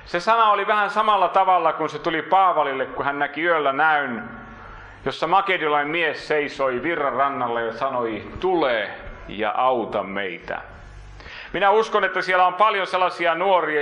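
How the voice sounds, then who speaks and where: Male preacher, earnest sermon delivery, bright tone, roomy church reverb. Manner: earnest preaching, rising for emphasis then dropping low and slow.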